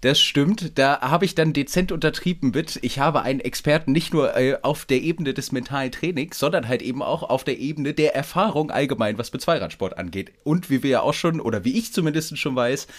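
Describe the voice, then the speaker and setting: A man's voice: mid-range voice, fairly quick, hardly any pauses. A man hosting a casual podcast, introducing his guest with enthusiastic, rambling sentences. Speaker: podcast host.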